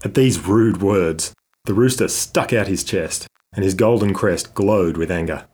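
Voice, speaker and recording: A man reading a children's storybook aloud in a measured, expressive way. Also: sits low, slightly rough. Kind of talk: scripted storybook narration. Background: guitar music.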